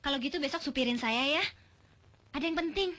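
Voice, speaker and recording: An actress playing a bossy young woman in a 1990s comedy film, brisk and commanding. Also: high-pitched, pushed and bright.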